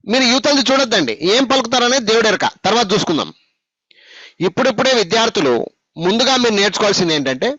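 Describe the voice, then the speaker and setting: A lively, high-voiced man teaches spoken English in a classroom lesson, spelling out letters. He is patient, repeating and drilling material while speaking to the students directly. The recording is dull, dry and lo-fi, with no room sound.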